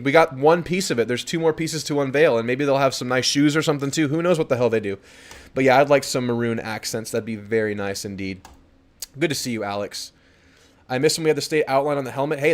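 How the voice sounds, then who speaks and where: A man's voice: mid-range voice, quick pace. A young man hosting a fan sports livestream, chatting casually and greeting viewers by name in an upbeat way. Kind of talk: casual livestream chat reading viewer comments.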